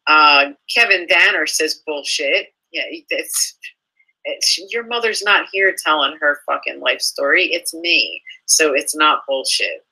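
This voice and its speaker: Sarcastic woman with a bright edge. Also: deep voice, breathy edge, low-quality recording. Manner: indignant, sarcastic, profane; halting with frequent restarts. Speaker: vlogger reading comments. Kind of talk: casual ranting commentary.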